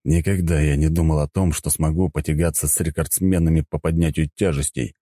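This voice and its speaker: Male audiobook narrator, low dark voice, dry close sound. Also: steady tone, fairly quick, no room sound. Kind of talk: first-person audiobook narration.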